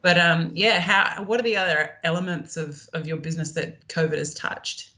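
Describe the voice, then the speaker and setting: A woman's voice: on the low side, steady tone, normal speed, sharp tone. A woman interviewing a startup founder, enthusiastic and full of praise, with many "um"s and "you know"s. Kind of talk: friendly interview hosting.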